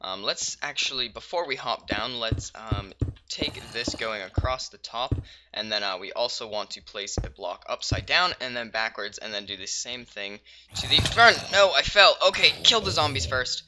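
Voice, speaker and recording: A man on a gaming YouTube channel builds in-game while chatting loosely, his thoughts spilling out with many fillers and pauses before sudden spikes of enthusiasm. His voice leans low, and there's noise behind him.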